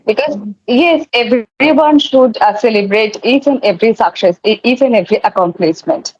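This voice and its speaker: A young woman from West Bengal, India, talking earnestly and politely in English conversation practice, with filler pauses. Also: fairly high pitch, darkish tone, breathy edge, dry recording. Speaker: guest, English learner. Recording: dry lo-fi call audio.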